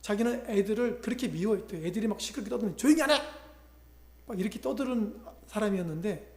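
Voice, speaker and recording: A man's voice: sits high, fast talker, mellow, roomy sound. A male pastor preaching a sermon, retelling a conversion story and voicing the people in it. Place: church sanctuary.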